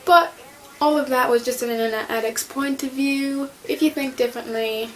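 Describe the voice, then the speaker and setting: A woman's voice: high voice, moderate pace, poor audio. A woman vlogger rambling casually through a fan rant, full of fillers and restarts.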